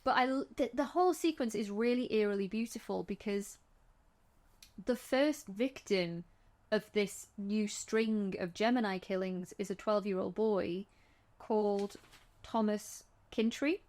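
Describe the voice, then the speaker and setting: A woman's voice: medium pitch, measured pace, a little mellow. A woman co-hosting a casual film discussion podcast, retelling scenes in a chatty way and often restarting her sentences. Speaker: podcast co-host.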